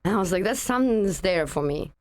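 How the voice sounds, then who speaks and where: A woman from Russia with a Russian accent, a guest in a casual interview, talking in a halting way with many fillers. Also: mid-range voice, expressive. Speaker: guest, energy practitioner.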